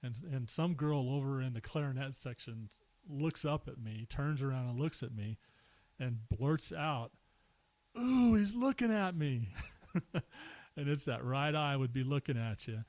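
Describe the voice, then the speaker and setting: A man's voice: medium pitch, normal speed, dry recording, poor audio. Middle-aged man telling personal stories. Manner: relaxed anecdotes with chuckles and acted-out quotes. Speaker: podcast guest. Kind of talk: casual storytelling.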